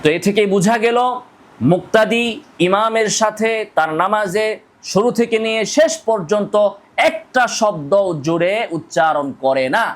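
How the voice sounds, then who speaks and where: High-voiced man preaching, arguing rhetorically. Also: animated, normal speed. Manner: argumentative, poses rhetorical questions to listeners; recites Arabic hadith text then translates. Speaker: mufti and Islamic preacher. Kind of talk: religious lecture on prayer rulings.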